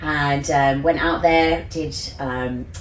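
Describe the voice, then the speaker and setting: A woman's voice: low voice, steady tone, slow. An English woman in her thirties chatting in an upbeat, chatty way as a cruise director being interviewed. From England. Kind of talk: casual interview chat. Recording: roomy, distant mic, faint background noise.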